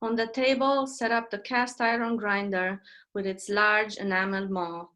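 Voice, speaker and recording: Woman poet in her fifties, friendly intro, reads her own verse, middle pitch. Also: steady tone, a little slow, bright, forceful tone. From Romania. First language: Romanian. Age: 50s. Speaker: poet reading her work. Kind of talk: poetry reading.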